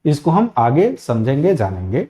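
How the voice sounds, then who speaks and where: A man giving a spoken grammar lesson, slowly and methodically spelling out sounds one at a time. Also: a little high, wildly swooping pitch, warm tone. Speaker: Hindi teacher.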